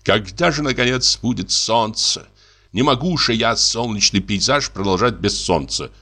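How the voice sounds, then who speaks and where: A weary male painter snaps and groans in exasperation, as a male narrator plays him. He speaks curtly, with a somewhat low voice. The scene comes from a literary audiobook reading. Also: animated, normal speed, bright, forceful tone, heavily acted. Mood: groaning. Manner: exasperated and curt.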